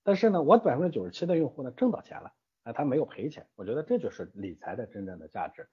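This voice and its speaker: Husky fast-talking man, lively pitch. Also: lo-fi sound. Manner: emphatic, with rhetorical questions and tag questions. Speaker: guest from an investment platform. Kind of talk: explanatory interview answers.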